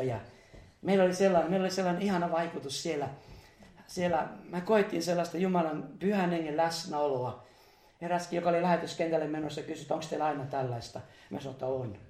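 Guy preaching, high gravelly voice, fervent, lots of hallelujahs, echoey church hall. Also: a little mellow. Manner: fervent, exclaims hallelujah, laughs between phrases. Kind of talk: charismatic sermon.

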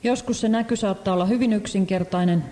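Hesitant mellow-voiced interpreter in hall. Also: medium pitch. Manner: hesitant, many fillers and restarts. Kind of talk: live sermon interpreting. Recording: echoey hall.

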